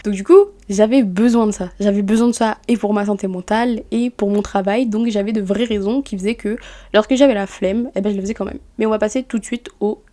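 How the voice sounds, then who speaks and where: A woman's voice: medium pitch, fairly even intonation, dark tone. A young woman, chatting casually to camera in a vlog, full of fillers. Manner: chatty, quick, full of fillers like "genre" and "en fait". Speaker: vlogger. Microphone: camera mic.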